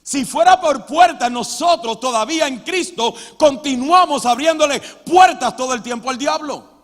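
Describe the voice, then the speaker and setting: A male pastor preaching a sermon, emphatic, moving between loud stresses and quiet passages. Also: extremely high pitch, normal speed. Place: church hall. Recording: church hall reverb.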